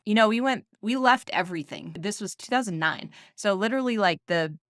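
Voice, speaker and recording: An American woman in her thirties, a tech founder, tells her story as a podcast guest in casual interview style, chatty, self-deprecating, and laughing frequently. Her mid-range voice is animated and a little fast with a fairly bright tone, recorded dry at studio quality.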